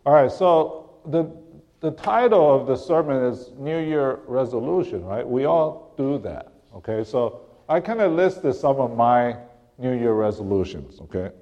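A middle-aged man from Taiwan, preaching a sermon as a guest preacher. He speaks haltingly, restarts often and clears his throat now and then. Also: mid-range voice, lively intonation, dark tone, highs cut off.

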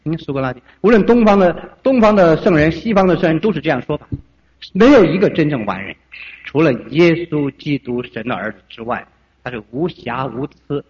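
Older male pastor, fairly high voice, lively storytelling sermon, muffled hall recording. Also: a little fast. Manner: lively, repeats phrases, chuckles often. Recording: dull recording with long hall reverb.

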